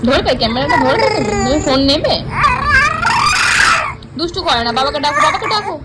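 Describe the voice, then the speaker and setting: A woman's voice: sits high, lively intonation, fairly quick. A woman talking to her baby in a coaxing, repetitive, sing-song way. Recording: loud background noise.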